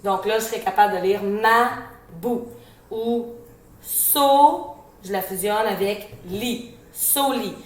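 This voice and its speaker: Speaking with a Québécois French accent, a woman educator offers parents reading tips in a casual, informal teaching tone. Her voice is medium-pitched and she slowly sounds out letters and syllables, with a roomy sound to the recording.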